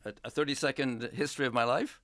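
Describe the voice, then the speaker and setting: An older English man, a history professor, looks back on his life in a relaxed interview, telling his stories unhurriedly and reflectively with many pauses. His voice sits in the mid range, and there's no room sound.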